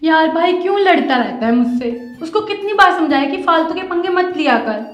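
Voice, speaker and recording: Young woman doing a bossy big sister, scolds her little brother, really high voice, faint music. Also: expressive, brisk. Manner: scolding, exasperated. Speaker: vlogger. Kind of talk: comedy sketch acting.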